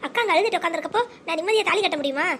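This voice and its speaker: Cartoon casting: actor voicing a devoted young groom, very high-pitched and rapid. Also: male voice, bright, forceful tone, a little hiss or hum. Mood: earnest. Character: young male groom, earnest and devoted to his sister. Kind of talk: cartoon voice acting.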